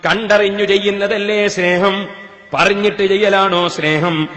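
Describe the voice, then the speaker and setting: A man with a high, light voice delivers a sermon, his phrases rising and falling in a chanted, melodic way. He presses his listeners with rhetorical questions. The sound rings out with a long hall reverb. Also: level tone, unhurried, bright, forceful tone. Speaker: preacher. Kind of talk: sermon on a Quran chapter.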